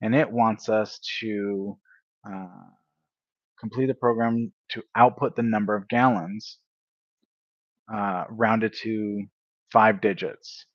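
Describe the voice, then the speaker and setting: A man livestreaming a casual coding study session, thinking aloud, correcting himself and filling pauses as he works through examples. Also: on the low side, fairly even intonation, dry recording, highs cut off. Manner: unhurried, thinks aloud, self-correcting with fillers.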